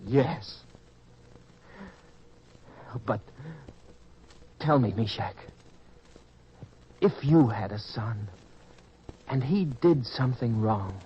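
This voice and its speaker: An actor playing a humbled young prodigal son, earnest and pleading, in an old-time radio drama style. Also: male voice, mid-range voice, lively intonation, extremely slow, long pauses, warm tone, slight background noise. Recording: dull, lo-fi radio-style recording.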